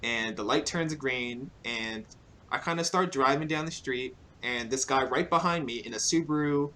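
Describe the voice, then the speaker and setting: A man's voice: mid-range voice, normal speed, bright, forceful tone. A young man hosting a casual podcast, telling stories in a laid-back way with lots of fillers and laughs. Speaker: podcast host. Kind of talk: casual chat about car racing.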